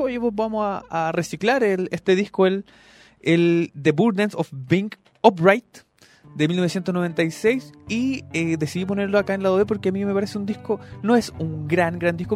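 A young Chilean man with a notably high voice chats loosely on a radio music show, padding his talk with fillers and restarts. Soft music plays behind him in the studio. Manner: chatty, many fillers and restarts. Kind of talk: casual radio chat about music.

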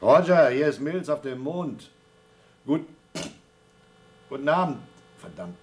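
An actor playing a gruff, sardonic astronaut on the Moon in a German radio play. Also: male voice, low voice, moderate pace, slight background noise, natural voice. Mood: irritated, louder. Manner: dry, sardonic, grumbling.

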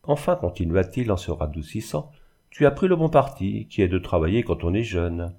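A man voicing a suspicious, miserly old uncle with a piercing, plaintive tone and a curt, gruff manner, in a storybook reading. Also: low-pitched, expressive, normal speed, dark tone. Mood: grumbling.

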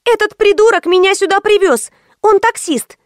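A woman's voice: extremely high pitch, moderate pace, no room sound, clean studio sound, pitched above the performer's own voice. A woman voicing a whiny, hysterical young woman who squeals and whines. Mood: whiny squealing. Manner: squealing, whining.

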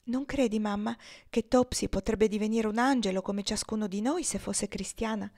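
A gentle, sickly young girl from an old novel, as a woman reader puts her on. Her voice stays soft and earnest, quietly pleading. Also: mid-range voice, moderate pace, natural voice.

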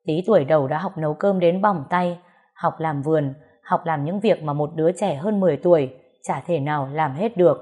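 A woman's voice: deep voice, brisk, darkish tone, slightly rough. A woman voicing a wounded young wife who speaks coldly and bitterly. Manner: cold and bitter.

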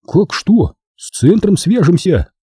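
Man doing young partisan scout, raised pitch, excitable, eager outbursts, husky, audiobook war story. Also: moderate pace, dry recording, clean studio sound, full character voice.

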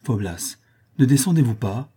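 A man's voice: mid-range voice, lively intonation, normal speed, dark tone, husky. A man voicing an impatient older baron calling for his son.

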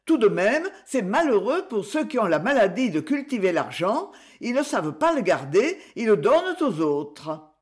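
A woman voicing a talkative, jealous village washerwoman who speaks in a shrill, quick-tongued way. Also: big pitch swings, a little mellow, lightly acted. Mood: teasing.

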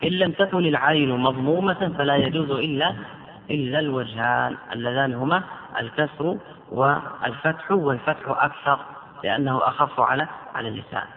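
A man teaching a grammar lesson, drawing out example words slowly and repeating them for his students. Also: mid-range voice, a little hiss or hum. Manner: slow, drawn-out example words, repeated for drilling. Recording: phone-like hall recording.

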